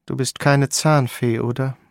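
A man voicing a cool, wry older male painter in an audiobook, lifting his voice higher. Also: fairly even intonation, measured pace, creaky, no echo, studio quality. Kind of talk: audiobook character voice.

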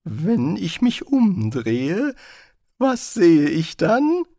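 A man doing a shrill, panicky wizard. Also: big pitch swings, normal speed, no echo, studio quality, heavily acted. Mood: panicked. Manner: shrill, strained and fearful. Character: panicky, high-strung male wizard.

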